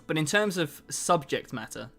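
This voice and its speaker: A streamer in his twenties chats casually on a livestream, answering chat between tasks and making jokes at his own expense. His voice sits on the high side and sounds animated, pushed and bright, with vocal fry at a normal speed. Soft music plays in the background.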